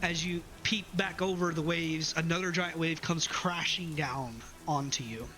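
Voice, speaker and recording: A man narrating as game master of a tabletop game, calm and descriptive. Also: a little high, measured pace, over music, poor audio.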